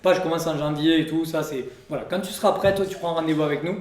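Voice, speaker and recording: Talking quickly in a slightly high, somewhat mellow voice, a male fitness coach gives blunt, casual diet tips at home, calling the viewer "tu" as he speaks right to the camera. The sound is distant, with echo filling the room.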